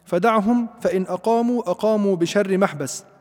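Man with a high voice reading a text out loud, steady, long echo around him. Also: fast. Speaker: student reading the text aloud. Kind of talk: reading a classical text aloud.

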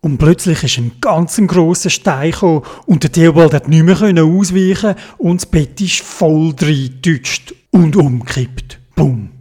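A man with a Swiss German accent reading a children's story aloud, gentle and expressive. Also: on the high side, unhurried, hardly any pauses, breathy edge.

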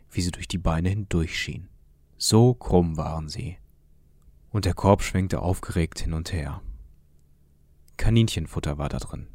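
A man reading an audiobook in a calm, measured way. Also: deep voice, dry recording, studio quality. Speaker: narrator.

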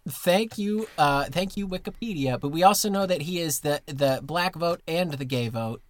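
A man's voice: a little high, moderate pace. A man co-hosting a podcast from inside a clothes closet, rambling through stories with lots of fillers and restarts. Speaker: podcast co-host. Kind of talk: casual comedic chat.

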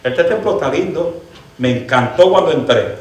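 A man preaching in a church, telling a comic story in an animated way and now and then switching into English. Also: a little high, normal speed. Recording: very echoey church hall, mic from far off.

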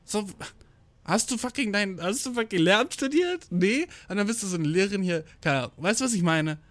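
A man's voice: high voice, a little fast, no room sound. A young man in a casual rambling monologue, heavy on slang and swearing. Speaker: vlogger. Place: indoors, travelling abroad.

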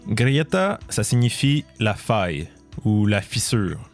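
A man delivering scripted documentary narration in a measured, explanatory way. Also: on the low side, sing-song. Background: faint music.

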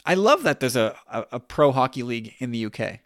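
A man's voice: mid-range voice, sing-song, brisk, dry recording. Casual male podcast host, dry close sound. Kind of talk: casual chat.

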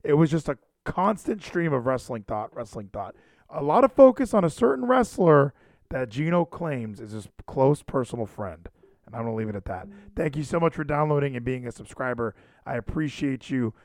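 A man's voice: mid-range voice, big pitch swings, moderate pace, darkish tone, no echo, studio quality. A man hosting a podcast in casual, rambling chat, often interrupting and repeating himself. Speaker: podcast and livestream host. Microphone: handheld microphone.

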